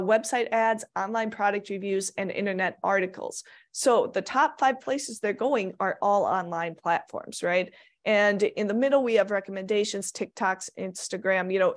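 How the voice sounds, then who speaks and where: A woman from Minnesota giving a practical slide lecture as an extension economist, plainspoken with light asides, speaking into a computer mic. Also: medium pitch. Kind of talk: recorded slide presentation.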